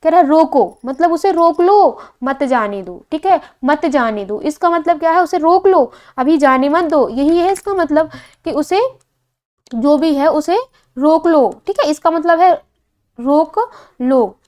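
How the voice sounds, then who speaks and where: A woman's voice: high-pitched, expressive, unhurried, darkish tone. A young woman teaching an exam coaching lesson, asking a question and answering it herself and repeating key points with frequent fillers.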